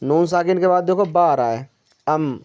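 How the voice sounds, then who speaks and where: Guy tutoring quran reading one on one, calm and patient, says stuff twice, kinda muffled lo-fi audio. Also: on the high side. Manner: patient, repeats each point slowly. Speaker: Quran recitation teacher. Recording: dull lo-fi recording.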